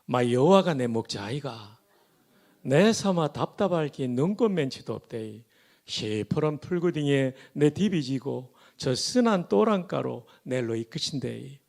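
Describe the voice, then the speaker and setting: A pastor voicing a gruff man reciting a psalm in a Gyeongsang accent, forceful and punchy. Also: medium pitch, lively intonation, measured pace. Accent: Gyeongsang dialect.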